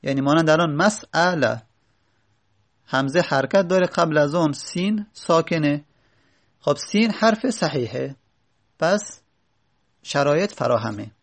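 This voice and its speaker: A man's voice: fairly high pitch, expressive, long pauses. Man patiently teaching a grammar text. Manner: reads Arabic lines then explains them step by step, asks and answers his own questions. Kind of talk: explaining an Arabic grammar text.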